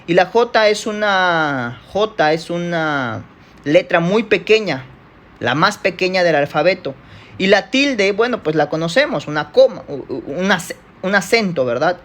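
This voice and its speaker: A man's voice: sits high, expressive, unhurried, fairly bright tone. A man from Mexico with a Mexican accent, teaching a church Bible study lesson from slides in a conversational way, often checking in with listeners and correcting himself.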